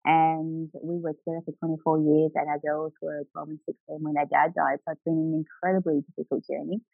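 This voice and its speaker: A woman's voice: sits low, little pitch movement, brisk, creaky, dry recording, soft background music. Middle-aged woman, dull lo-fi sound. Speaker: guest, grief recovery coach. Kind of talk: personal storytelling in an interview.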